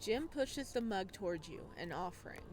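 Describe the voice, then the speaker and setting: A woman hosts a video game playthrough, reading narration aloud dramatically and adding casual commentary. Her mid-range voice is animated and slightly mellow at a moderate pace. A little hiss or hum is audible.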